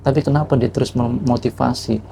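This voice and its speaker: A man's voice: medium pitch, fairly even intonation, a little fast, gravelly, dark tone, a little hiss or hum. A man telling a reflective motivational story to the camera, asking rhetorical questions as he goes. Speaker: vlogger.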